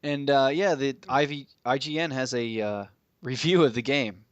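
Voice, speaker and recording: A man's voice: mid-range voice, normal speed, no room sound, muffled recording. A man co-hosting a casual podcast, blunt and swearing, often laughing. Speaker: podcast co-host. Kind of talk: casual chat.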